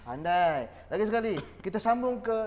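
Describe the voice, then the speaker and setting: A man's voice: sits high, lively intonation, moderate pace, long reverb tail, very noisy. A man with a Malaysian Malay accent teaching a Quran reading class, counting beats aloud and drilling his students in call and response. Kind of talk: demonstrating a lesson on camera.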